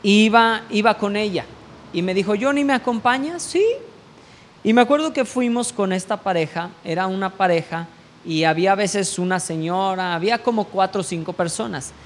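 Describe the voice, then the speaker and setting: A man's voice: high voice, a little hiss or hum. A man preaching a sermon, telling a personal testimony and asking the congregation rhetorical questions. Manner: slow, deliberate delivery.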